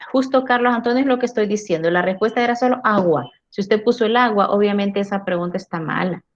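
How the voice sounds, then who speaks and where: A woman lectures her philosophy class in a middle-pitched voice. She checks in with her students through frequent tag questions and stumbles over repeated words as she explains. The recording sounds dull and lo-fi. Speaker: philosophy teacher.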